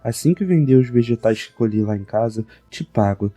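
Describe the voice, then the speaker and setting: A man's voice: medium pitch, lively intonation, brisk, mellow, no echo, soft background music, close to an everyday voice. A Brazilian man voicing an easygoing young farmer hero in a comic recap, speaking with a Brazilian Portuguese accent. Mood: coaxing. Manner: casual, easygoing, pleading.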